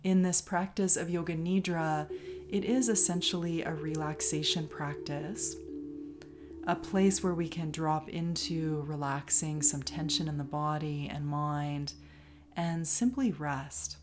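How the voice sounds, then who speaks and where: A yoga nidra instructor guides a calm, soothing relaxation meditation, leaving long pauses between phrases. Her voice sits low, with music playing behind it.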